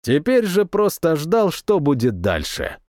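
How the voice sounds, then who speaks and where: A man narrating a first-person war novel in a measured, expressive reading, recorded close on a studio mic. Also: fairly high pitch, no room sound. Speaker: audiobook narrator.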